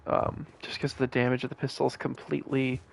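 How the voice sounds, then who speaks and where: A man's voice: mid-range voice, flat delivery, a little fast, creaky. A tired young man streaming a game, rambling in casual commentary with many fillers, restarts and swearing. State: tired, yawning. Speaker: gaming streamer. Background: game music underneath.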